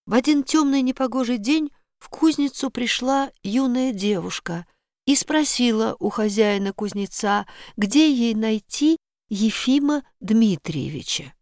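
A woman narrating a story in a measured, expressive reading. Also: fairly high pitch, dry recording, studio quality. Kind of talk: audiobook narration.

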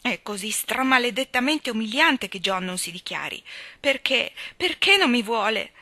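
A wounded, bitter forty-year-old spinster, put on by a woman reading a storybook, pitched up and pushed louder. She speaks in indignant, pleading bursts. The voice is bright and dry. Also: animated, moderate pace, no room sound. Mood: aggrieved. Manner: sobbing, indignant, pleading outbursts.

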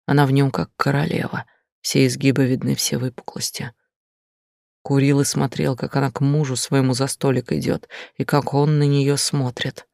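A hot-headed young lover brooding over his jealousy, read by a man. He speaks low and bitter. The voice is dry and close. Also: flat delivery, normal speed, gravelly, darkish tone, no room sound, natural voice.

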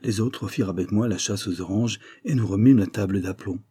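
A man narrating an audiobook in the first person, in a measured storytelling manner. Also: lowish voice, warm tone, husky.

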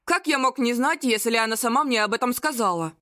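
A woman's voice: on the high side, brisk, fairly bright tone, dry recording, studio quality, lightly acted. A woman voicing a frightened, nervous young man whose voice breaks into squeals. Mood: defensive.

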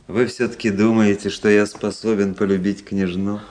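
In a Russian radio drama, an actor plays a cynical, cool young aristocratic officer, giving ironic, measured, literary delivery in a wry mood. His male voice is lowish and darkish, level in tone, and only lightly acted.

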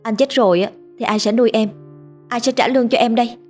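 A woman's voice: mid-range voice, moderate pace, a little mellow, slightly rough, faint music behind, voice pushed up, close to an everyday voice. A woman voicing a poor, timid young wife who pleads and sulks. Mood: sulky.

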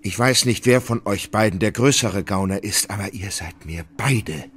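An actor playing a gentle, idle nobleman in a radio play, soft-spoken and measured. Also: fairly low pitch, breathy edge. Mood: reproachful.

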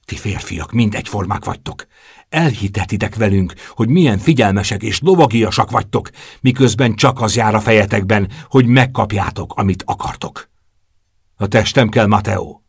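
A man's voice: lowish voice, slightly rough, no room sound, studio quality. A man voicing a bitter, furious young woman in an audiobook, with a raised, accusing delivery. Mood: scornful.

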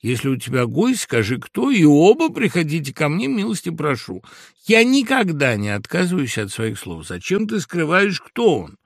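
A cunning she-fox from a fairy tale, voiced by a man, lifted high and syrupy with wide theatrical swoops. Her flattery sounds put on, with a gravelly edge under the sweetness. Close and dry. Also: normal speed, no echo, full character voice. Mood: sly flattery. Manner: sweet, theatrical, falsely gushing. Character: sly flattering female fox, crafty and false.

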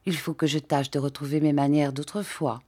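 A woman's voice: sits low, fairly even intonation, brisk, mellow, slightly rough. A woman reading an audiobook, voicing an ironic young woman who speaks with feigned innocence and pointed, raised questions.

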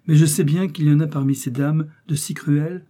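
A man's voice: fairly high pitch, fairly even intonation, brisk, mellow, lightly acted. A man reading the part of a naive, chattering young innkeeper's daughter in an audiobook. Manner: artless, chattering.

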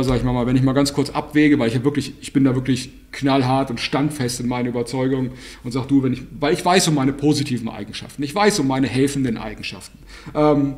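A man telling personal stories and giving advice in a blunt, repetitive, lecturing way, often pausing with fillers. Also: medium pitch, darkish tone. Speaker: online dating and life coach. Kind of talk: spoken monologue, anecdotes and advice.

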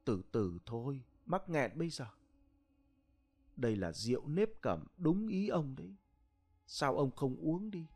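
A man's voice: on the high side, expressive, measured pace, pauses often, a little mellow. A man voicing an older village wife who coaxes her husband and later cries over his death. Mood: coaxing. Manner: coaxing, then tearful. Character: frightened older village wife, fussing then terrified.

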